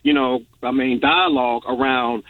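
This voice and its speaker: A man's voice: mid-range voice, fairly even intonation, moderate pace, no echo. A man who teaches political science, talking earnestly and often repeating words as he thinks. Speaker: guest, university professor. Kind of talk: conversational discussion. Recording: tinny phone-like line from far off.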